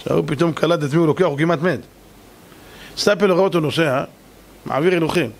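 A rabbi giving a Torah lesson. He tells stories emphatically and dramatically, and acts out the characters. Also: a little high.

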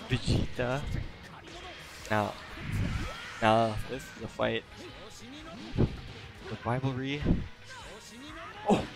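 Gravelly-voiced man streaming a fighting game. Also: mid-range voice, very slow, pauses often, music in the background. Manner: excitable, swears and laughs, gets hyped. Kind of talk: live gameplay commentary. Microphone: headset.

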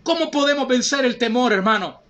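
A man preaches a sermon in a strikingly high voice. His delivery is fervent and direct, and he repeatedly calls his listeners brothers and sisters. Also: lively intonation, fairly quick, a bit bright. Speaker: pastor.

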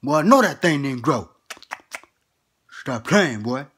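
A man's voice: mid-range voice, expressive, a little slow, husky. Man playing a boastful old grandpa. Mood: teasing. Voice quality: folksy slang-heavy drawl, chuckling between lines. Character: boastful old grandpa telling tall tales. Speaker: comedy skit performer. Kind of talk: comedic character monologue.

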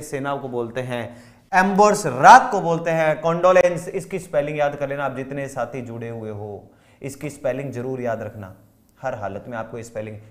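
Teaching in Hindi for an online English exam-prep lesson, a fairly high-pitched man with an Indian accent runs through word lists and makes sure students are keeping up.

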